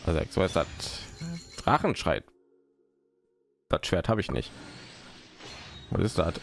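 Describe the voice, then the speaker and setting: Muttering to himself through a casual gaming stream, this man speaks in a low, gravelly, sing-song voice at a measured pace, with faint music behind.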